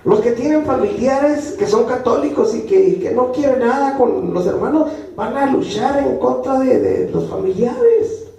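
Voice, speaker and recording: A man with a high-pitched voice preaches an emphatic sermon, repeating phrases to drive the point home. He is heard from a distance in a very echoey church. A faint room ambience sits behind him. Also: expressive, unhurried, gravelly, hardly any pauses, mellow. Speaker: pastor.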